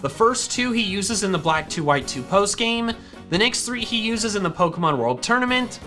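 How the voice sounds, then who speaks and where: A woman's voice: mid-range voice, animated, moderate pace, a bit bright. A woman reading a scripted explainer narration for a video, with music behind her. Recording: music in the background.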